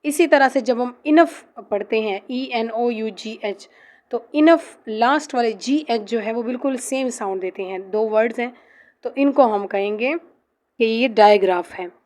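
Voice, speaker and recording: A woman teaches a grammar lesson for test preparation. She explains each term slowly and reads definitions aloud, pausing often on fillers. Her voice sits a little high. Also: a little mellow.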